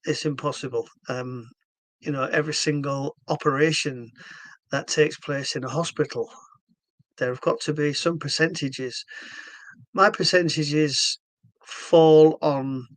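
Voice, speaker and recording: A Yorkshire-accented English man talks casually to camera, earnestly explaining his stroke therapy method with many fillers and restarts. His fairly high voice has fairly even intonation and a measured pace. The recording is dry and low quality.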